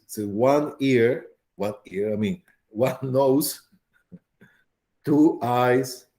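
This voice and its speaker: Mellow-voiced man lecturing a class. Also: mid-range voice. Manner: repetitive, checks in with students often. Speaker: pharmacology lecturer.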